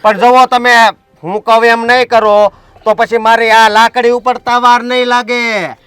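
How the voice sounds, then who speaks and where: A man's voice: very high voice, flat delivery, measured pace, fairly bright tone, clean tone, no echo, faint music behind. A man playing a stubborn village enforcer in a short film, bossy and threatening. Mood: stern. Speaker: village strongman blocking the road. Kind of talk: short film drama acting.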